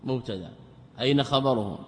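A man's voice: mid-range voice, brisk. Man lecturing on law, echoing hall. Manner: quotes scholars, repeats phrases, asks and answers his own questions. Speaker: teacher of Islamic jurisprudence. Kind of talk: lecture explaining a text.

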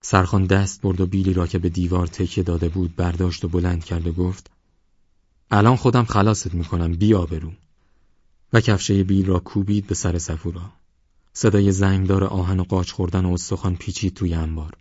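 A man narrating a novel as an audiobook reader, steady and measured. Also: deep voice, slightly rough, no echo. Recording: dull lo-fi audio.

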